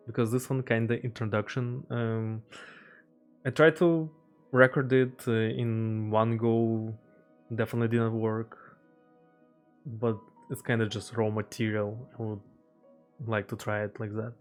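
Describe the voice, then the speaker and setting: In a laid-back devlog voice-over, a mid-range-voiced indie developer talks about his game. English isn't his first language, and he stumbles often, filling gaps and backing up to begin again.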